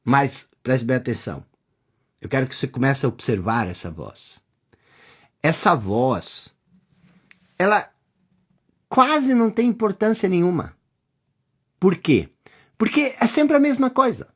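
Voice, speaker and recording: Husky Brazilian teacher, lively pitch. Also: unhurried, pauses often. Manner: repeats rhetorical questions to the listener; speaks directly to the listener, sometimes dropping to a hush. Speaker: course teacher. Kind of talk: reflective spoken lesson.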